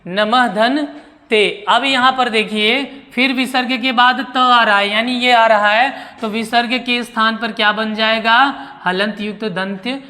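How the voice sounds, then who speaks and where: A woman teaches a grammar lesson in a fairly high, bright voice. She asks her pupils questions, answers them herself, and repeats each key word deliberately. The sound rings with a long reverb. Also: fairly even intonation. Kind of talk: classroom-style grammar lesson.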